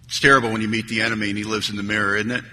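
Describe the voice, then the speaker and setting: A man's voice: on the low side, little pitch movement, rapid-fire, pushed and bright. A man giving an earnest recovery talk at a meeting, telling stories and acting out conversations on a stage microphone. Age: 30s or older. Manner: earnest, storytelling, acts out dialogue. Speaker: AA speaker. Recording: hall reverb, faint noise.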